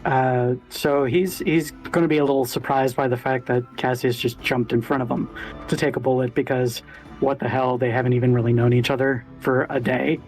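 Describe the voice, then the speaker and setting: A man's voice: medium pitch, flat delivery, a little fast, a little mellow, low-quality recording. A man playing a tabletop game, casually and hesitantly describing what his character does. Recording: faint music behind the voice. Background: music.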